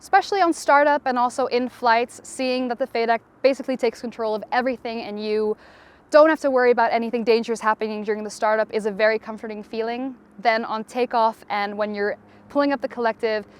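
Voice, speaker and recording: Smooth-voiced enthusiastic woman pilot. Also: on the high side, steady tone, fast talker. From Tanzania. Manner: enthusiastic, with a few fillers and restarts. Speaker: helicopter pilot. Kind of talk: promotional testimonial.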